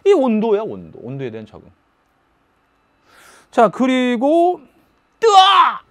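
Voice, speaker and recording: Animated man teaching biology. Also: very high voice, measured pace. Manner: animated, playful, with sudden shouts and silly voices. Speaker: high school biology teacher. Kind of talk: lecture.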